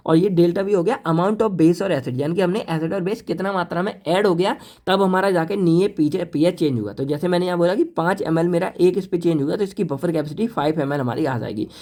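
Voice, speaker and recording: एक पुरुष pharmacy lecturer, जो बातचीत भरे अंदाज़ में छात्रों को सीधे संबोधित करते हुए पढ़ाते हैं और हिंदी में अंग्रेज़ी शब्द मिलाते हैं।. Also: male voice, sits high, fairly quick, few pauses, warm tone. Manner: chatty teacher mixing Hindi and English terms; addresses students directly and playfully. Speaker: pharmacy lecturer. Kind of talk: casual classroom lecture.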